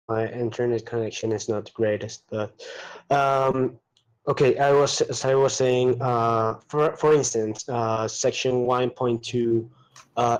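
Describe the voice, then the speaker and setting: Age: adult. Sex: man. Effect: breaking-up group voice chat. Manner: slow, halting. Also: mid-range voice, rough recording. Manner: hesitant, filler-heavy, halting. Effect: voice over choppy online group voice chat. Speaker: debate participant. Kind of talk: online community policy debate.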